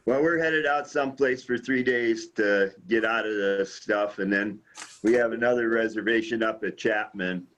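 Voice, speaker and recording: A man's voice: on the low side, normal speed, a bit bright. A man chatting casually in a group over muffled video-call audio. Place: online video meeting.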